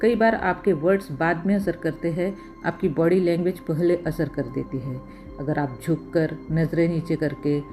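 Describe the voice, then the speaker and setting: Woman narrator, low voice, mellow tone, steady instructive delivery, faint music behind. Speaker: communication tips narrator. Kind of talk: scripted voice-over narration.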